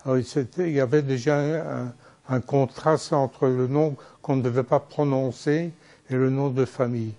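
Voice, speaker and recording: Older man, slow halting recollection, mellow tone. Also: mid-range voice, fairly even intonation. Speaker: interviewee, former hidden child. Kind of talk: recalled testimony.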